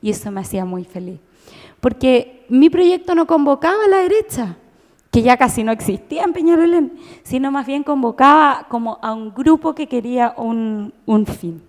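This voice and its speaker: A Chilean woman in her thirties telling her own story at a conference, emotional and animated, with many restarts. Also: high-pitched, moderate pace. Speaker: conference speaker. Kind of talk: personal testimony talk. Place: church. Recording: long reverb of a church hall.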